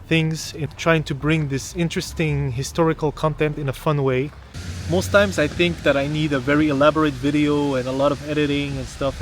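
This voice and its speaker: A Canadian man, a vlogger and history content creator, talks to the camera in a casual explanatory vlog, earnest and emphatic and often posing rhetorical questions. His voice is on the high side, with a little hiss or hum in the recording.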